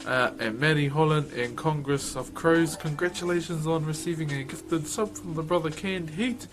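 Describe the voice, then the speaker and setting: A man's voice: a little high, normal speed, music in the background. A man with a broad New Zealand accent chatting casually to viewers as a live streamer, laid-back and slangy. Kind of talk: casual livestream chat with viewers.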